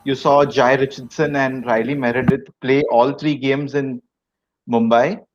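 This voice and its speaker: A man of middle pitch works through his cricket views in a measured way, pausing often on fillers. His voice comes through dull and lo-fi. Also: little pitch movement, a little hiss or hum. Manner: measured, hesitant with many fillers. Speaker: cricket fan guest. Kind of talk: casual analysis on a video chat.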